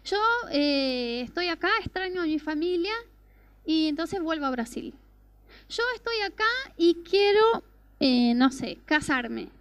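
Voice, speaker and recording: A woman's voice: sits high, animated, unhurried. A woman preaching a personal testimony sermon, telling the story earnestly and asking rhetorical questions.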